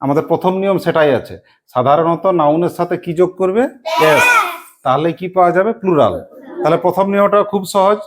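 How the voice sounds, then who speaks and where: Woman teacher drilling grammar, low voice. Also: brisk, a little hiss or hum. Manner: drills by asking questions, then spelling words letter by letter. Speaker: English teacher. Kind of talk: classroom grammar lesson.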